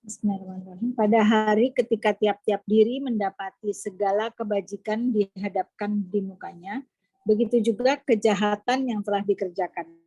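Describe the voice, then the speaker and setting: Seorang perempuan membaca terjemahan ayat pelan-pelan dengan tersendat, lewat panggilan daring yang audionya tertunda dan putus-putus. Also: female voice, medium pitch, steady tone, moderate pace, mellow, slightly rough, no room sound. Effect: choppy, delayed online call audio. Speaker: participant reading verses. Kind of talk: reciting scripture translation. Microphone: video call. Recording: dull lo-fi call audio.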